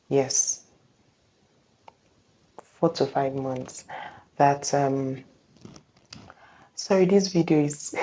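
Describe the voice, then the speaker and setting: A young woman telling a personal testimony in a casual way. She speaks earnestly and haltingly, often pausing and correcting herself. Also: low-pitched, warm tone. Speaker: vlogger sharing a personal testimony.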